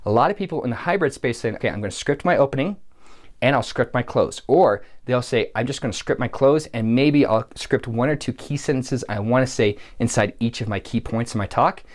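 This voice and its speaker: A man's voice: medium pitch, a little fast. A man coaching public speakers in an earnest, encouraging way, often restarting and repeating words as he talks. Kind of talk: coaching video talk to camera.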